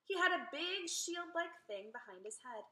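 A woman reading a children's book aloud in an expressive, animated storytelling voice. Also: very high voice, moderate pace, echoey room. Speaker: reader.

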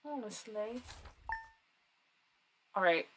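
A woman's voice: medium pitch, lively intonation, extremely slow, noisy background. A woman streamer chatting to herself while she plays a game, playful and self-mocking. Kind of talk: casual gameplay commentary.

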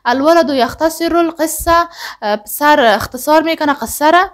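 Hesitant high-voiced female student. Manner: hesitant, fills pauses with "uh". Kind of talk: translating lesson sentences aloud.

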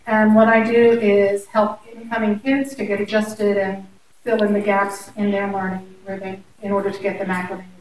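A woman's voice: medium pitch, monotone, moderate pace, darkish tone. A woman in her sixties from Pennsylvania, a school program director and church organist, telling her story in an earnest, devout way. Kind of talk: casual interview. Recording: echoey, from far off, faint noise.

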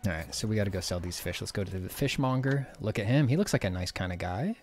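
A man casually commentating a video game, relaxed and swearing now and then while reading the game text aloud. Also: on the low side, fast, soft background music. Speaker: let's play host.

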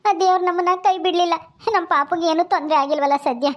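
A woman playing a fierce grieving grandmother, very high voice, fast scolding, wailing, village family drama. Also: steady tone. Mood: relieved, fretful.

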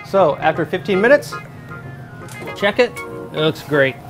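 A man's voice: high-pitched, measured pace, over music. A man in his thirties, a chef demonstrating recipes step by step in a large professional kitchen, on a lapel mic. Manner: steady step-by-step instruction. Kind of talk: cooking demonstration.

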